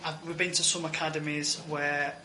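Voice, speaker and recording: A man's voice: fairly high pitch, little pitch movement, normal speed, sharp tone, a little hiss or hum. A man talking earnestly as a podcast guest, outdoors by a lake, often restarting his sentences. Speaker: guest, father. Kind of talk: casual chat. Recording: echoey outdoor sound with clear ambience.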